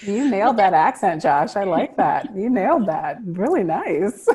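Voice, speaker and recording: A woman's voice: mid-range voice, sing-song, unhurried, a little mellow, breathy edge. A woman moderating a press panel, teasing the guests and laughing often as she asks her questions.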